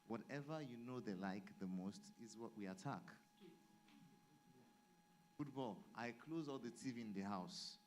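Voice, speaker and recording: A man's voice: lowish voice, unhurried, pauses often, darkish tone, low-quality recording. A man speaking as a father at a church family program, giving firm, insistent advice. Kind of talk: contribution to a group discussion.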